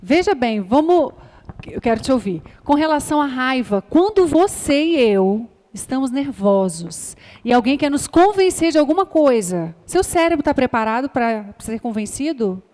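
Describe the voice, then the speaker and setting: High-voiced woman teaching in an echoey room. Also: very animated, moderate pace, darkish tone. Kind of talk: classroom lecture.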